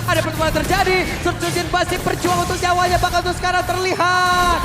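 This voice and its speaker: A man with an Indonesian accent calling esports play-by-play like a game announcer, urgent and excited, often close to shouting. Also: very high voice, fast, distant mic. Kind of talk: live play-by-play in a fighting game announcer manner. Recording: echoey arena broadcast, loud music and crowd. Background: loud music and crowd.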